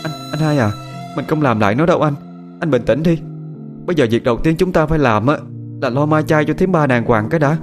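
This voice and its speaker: A man voicing a gentle, tearful young village woman in a soft, pleading, raised voice. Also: mid-range voice, steady tone, rapid-fire, few pauses, soft background music, pitched above the performer's own voice, natural voice.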